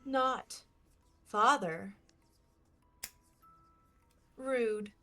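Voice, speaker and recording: A woman voicing an uncanny, taunting talking tree in a tabletop game, with slow, halting, drawn-out words. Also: fairly high pitch, sharp tone, faint music behind, heavily acted. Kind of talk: tabletop role-play.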